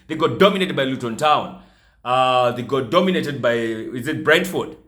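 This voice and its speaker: Bright-voiced man, animated football talk. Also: medium pitch, moderate pace. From Kenya. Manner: animated, mocking, sprinkles Swahili slang. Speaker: football podcast host. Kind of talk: casual solo commentary.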